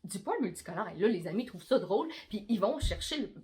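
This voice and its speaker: A middle-aged woman with a Québécois accent improvising an Easter story with her daughter in a coaxing, animated way. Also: medium pitch, fast. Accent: Québécois French. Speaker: mother telling story.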